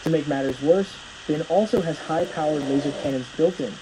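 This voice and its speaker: A man's voice: on the high side, a little fast, background noise. A man narrating a plot recap from a script, telling the story as it unfolds.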